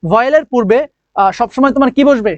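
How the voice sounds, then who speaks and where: Teaching English online to students preparing for admission exams, this man asks questions and supplies the answers himself, drawing out important words. His voice is very high, with no room sound and the highs cut off.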